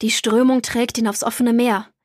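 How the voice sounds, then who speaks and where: Woman doing jovial old grandpa, warm storytelling, teasing, dry close sound, storybook. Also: on the high side, flat delivery, moderate pace, no echo, natural voice. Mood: kindly.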